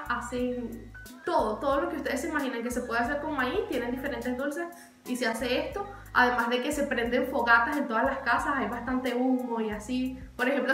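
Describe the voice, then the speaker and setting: This is a young woman with a high, fairly bright voice, chatting animatedly as a vlogger in a casual explainer. She repeats words for emphasis, and the room sounds echoey.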